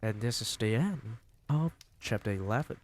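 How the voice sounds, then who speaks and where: A man reading a novel aloud on a stream, with expressive, dramatic narration. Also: lowish voice, normal speed, a little hiss or hum. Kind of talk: storybook reading.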